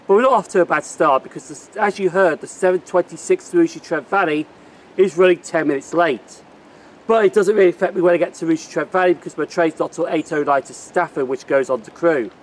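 A man chats casually to a camera in a fairly high voice. He is outdoors on a railway platform, with noticeable noise around him. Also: fairly quick. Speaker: train vlogger and retail worker. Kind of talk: casual vlog talk to camera. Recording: noisy outdoor camera audio. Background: outdoor station noise.

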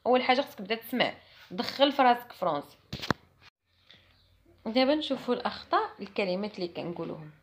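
Young moroccan woman teaching french, talks super fast, kinda high voice, chatty and emphatic. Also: lively intonation, slight background noise. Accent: Moroccan Arabic. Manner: chatty and emphatic, mimics others mockingly. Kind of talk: casual lesson to camera.

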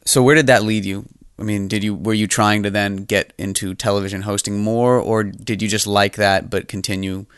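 Low, smooth-voiced male host. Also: steady tone, normal speed, few pauses, fairly bright tone, no echo, clean studio sound. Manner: brief reactions and probing questions. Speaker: podcast host. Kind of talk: casual interview.

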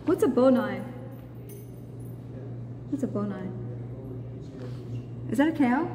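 On the high side, with lively intonation but a slow pace, this middle-aged vlogger films herself on a handheld phone inside a courthouse. Her narration is casual, sprinkled with curious, teasing questions. There's hallway echo and plenty of loud background noise.

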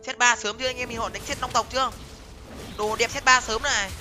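Man, young adult, game streamer, excitable running commentary, high-pitched. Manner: excited, addresses viewers as "anh em", repeats words rapidly. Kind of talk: live gameplay commentary. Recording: music playing behind voice.

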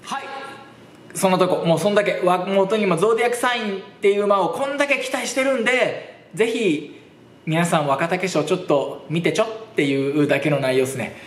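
A man's voice: high voice, fairly quick. A man hosting a horse racing channel, talking casually to camera in a rambling, chatty way and laughing often. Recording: roomy echo.

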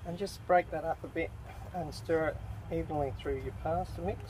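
A man walks through a simple recipe in an easy, chatty way, his voice sitting a little high for a man. He is recorded in a canvas tent at a campsite. The recording carries clear background noise. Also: moderate pace. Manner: relaxed, chatty step-by-step instructions. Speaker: camp cooking host. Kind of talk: casual cooking demonstration. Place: inside a canvas tent camp kitchen. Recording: noisy outdoor camp recording.

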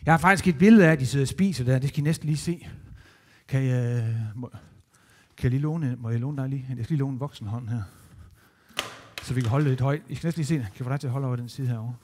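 A man telling Bible stories to children in a church, lively, animated and playful. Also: mid-range voice. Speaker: children's entertainer. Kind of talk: storytelling to children.

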